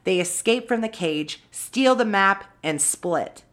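A woman's voice: medium pitch, lively intonation, takes it slowly, a bit bright. Casual, swearing woman recapping a movie. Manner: swears freely, summarizes plot with wry asides. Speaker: podcast co-host. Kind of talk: casual chat, recapping a film plot.

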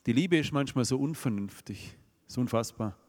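Brief: male preacher, Swabian accent, middle pitch, sermon to a congregation, long hall reverb. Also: animated, normal speed, darkish tone. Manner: rhetorical questions to the congregation.

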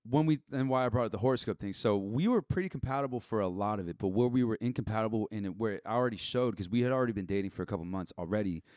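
A young man appears as a podcast guest for a casual personal chat, talking candidly and bluntly, swearing freely and acting out bits of past conversations. His fairly low, slightly mellow voice comes rapid-fire with few pauses, in clean studio sound with no echo.

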